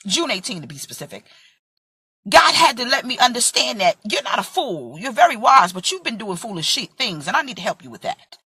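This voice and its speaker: A woman's voice: fairly high pitch, sing-song, a little fast, bright, forceful tone, husky, dry recording. A woman in her forties from Brooklyn, preaching in an impassioned, emphatic way and acting out voices in a vlog sermon. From Brooklyn, USA. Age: 40s.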